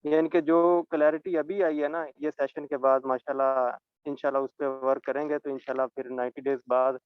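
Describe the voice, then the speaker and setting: A man with a smooth, resonant voice comes through a dull, dry video-call line. He answers casually, pausing often and filling the gaps with small words. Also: mid-range voice, level tone, no echo. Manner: halting, with many fillers. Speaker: guest client. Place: outdoors in Dubai.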